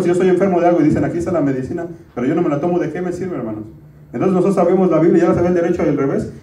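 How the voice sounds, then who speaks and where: In a roomy, distant church recording, a middle-aged man preaches as pastor, his voice slightly high with a warm tone. He talks with the congregation in a conversational way, frequently addressing them as brothers.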